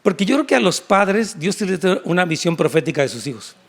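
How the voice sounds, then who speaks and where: A male pastor with a fairly high voice preaches in a church service. He is lively and conversational, breaking into little acted-out dialogues and speaking straight to his listeners. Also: fairly quick, vocal fry. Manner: animated, acts out quoted voices in shifting tones; addresses congregation directly and often. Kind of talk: sermon.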